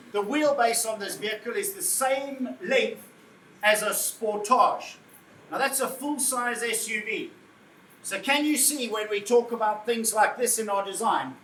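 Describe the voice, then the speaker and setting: A man's voice: high voice, a bit bright, a little hiss or hum. A man giving a live car presentation to an audience, jovial and chatty, calling them folks and joking with the crowd. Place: showroom or event space. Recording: echoey room, voice heard from far off, faint ambience.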